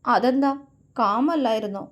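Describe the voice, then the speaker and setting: A young wife close to tears, her words breaking into stammers and pouting protests. A woman narrator voices her a little higher than her own reading, in a storybook romance. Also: fast, natural voice. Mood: sulky. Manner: stammering, sobbing, sulky. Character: emotional, tearful young wife.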